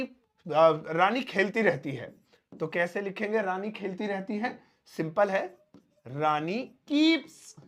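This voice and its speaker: A man with a fairly high voice teaches an English grammar lesson. He explains slowly and patiently, repeating each word as he builds example sentences.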